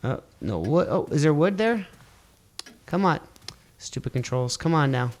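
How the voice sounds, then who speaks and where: This let's play gamer has a fairly high, very animated voice with a slightly mellow quality, and he takes his time. He mutters as he plays, swears at the game, and reads its text aloud in casual commentary.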